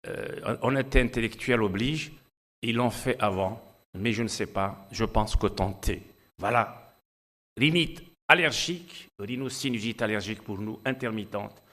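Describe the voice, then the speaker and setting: A man's voice: on the low side, moderate pace, sharp tone. A middle-aged man with an Algerian French accent, an ENT doctor giving a conference lecture, chatty and anecdotal with many hesitations.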